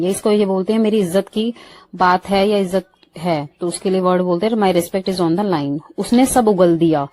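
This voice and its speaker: An Indian-accented woman works through an English vocabulary lesson, reading each word out and explaining it in Hindi. Her voice is mellow and warm, with an even, teacherly delivery. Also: mid-range voice, no echo. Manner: lists words, glosses each in Hindi then English.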